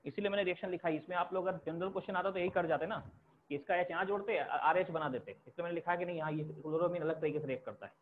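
A man's voice: high voice, racing, a little hiss or hum. A male chemistry teacher lecturing a class, explaining step by step and repeating key terms for students to write down. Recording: tinny phone-like lo-fi recording.

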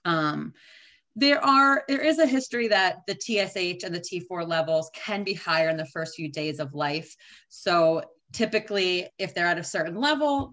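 A woman presenting a recorded medical training lecture in a measured way, with frequent fillers. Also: low-pitched, pushed and bright.

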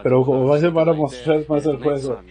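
A man streaming his live reaction, exclaiming and shouting in short bursts, out of breath. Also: a little high, steady tone, brisk, a loud crowd. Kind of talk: excited live reaction commentary.

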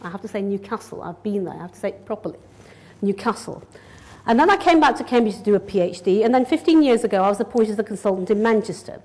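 Speaking quickly and animatedly at a medium pitch, with a slightly mellow tone, a middle-aged kidney doctor from Yorkshire, England, delivers a public lecture. This consultant nephrologist is direct, organised and conversational, using a lectern mic in an indoor lecture room.

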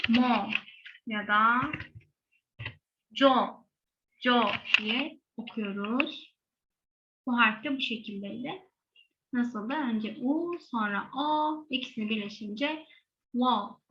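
A woman teaching Korean pronunciation, saying each sound slowly and repeating it. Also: on the high side, muffled recording, background noise.

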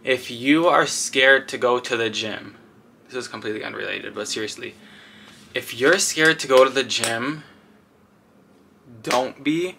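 Young guy, casual vlogger, bright voice, filler-heavy chatter, near camera. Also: medium pitch, unhurried, vocal fry, long pauses, a little hiss or hum. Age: young adult. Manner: chatty and rambling, lots of "like". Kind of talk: casual vlog chat to camera. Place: home bathroom and bedroom, also car.

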